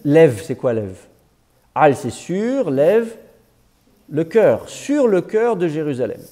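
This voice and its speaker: A man's voice: fairly high pitch, big pitch swings, slow pace, mellow. A man teaching a classroom lesson, patiently explaining and correcting students as they read aloud. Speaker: teacher of biblical Hebrew. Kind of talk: classroom lecture.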